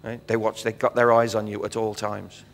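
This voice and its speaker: With a lowish, fairly flat voice marked by vocal fry, a middle-aged English pastor on a visit speaks at normal speed. His sermon, given on a church hall stage before an audience, is chatty and full of fillers and jokes. Long reverb from the hall is audible.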